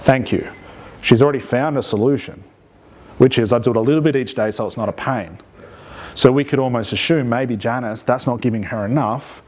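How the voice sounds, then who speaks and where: A man's voice: mid-range voice, a little fast, a little mellow. A man teaching hypnosis in a live demonstration, explaining conversationally and checking in with rhetorical questions. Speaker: hypnosis instructor.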